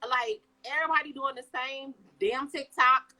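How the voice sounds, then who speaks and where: Casting note: bright, slightly high woman from Chicago, animated, slangy podcast co-host. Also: moderate pace, poor audio. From Chicago, USA. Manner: animated, slangy, laughs often. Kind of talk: casual chat.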